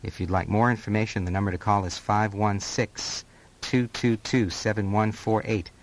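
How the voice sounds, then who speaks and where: Male radio DJ, lower register, steady informative read of station announcements. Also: poor audio. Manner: steady, informative delivery with brief pauses. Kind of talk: on-air announcements. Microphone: studio microphone.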